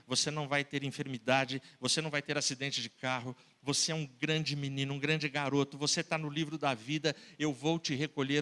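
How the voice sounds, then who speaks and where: A man preaching a sermon and voicing Jesus speaking gently and reassuringly in a dream. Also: a little high. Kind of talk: sermon storytelling.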